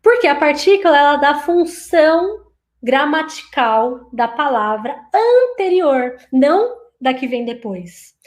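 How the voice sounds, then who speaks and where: High-voiced woman teaching Japanese. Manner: lively, repeats Japanese phrases slowly for learners to imitate. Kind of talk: online language lesson.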